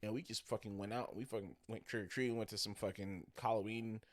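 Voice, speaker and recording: A man co-hosting a podcast in casual chat, telling stories with lots of swearing and growing loud and excited as he goes. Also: lowish voice, fast. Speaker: podcast co-host.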